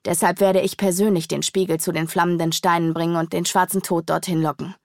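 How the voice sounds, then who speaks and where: Resolute angel warrior in a fantasy audiobook, read by a woman; gravelly and low. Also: little pitch movement, a little fast, dry recording, clean studio sound.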